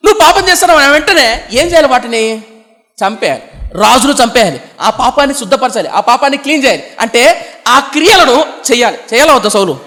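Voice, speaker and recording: A man with a high voice preaches an emphatic sermon. He keeps asking his listeners questions and answering them himself, repeating key phrases. His voice rings with the long reverb of a church hall. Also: animated, a little fast, sharp tone. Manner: emphatic, repetitive preaching cadence.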